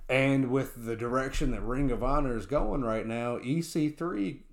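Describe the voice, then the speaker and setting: A man's voice: medium pitch, normal speed, creaky. Rambling man talking wrestling, echoey room. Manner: rambling, repeats words and says "you know" a lot. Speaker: podcast co-host. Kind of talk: casual wrestling chat.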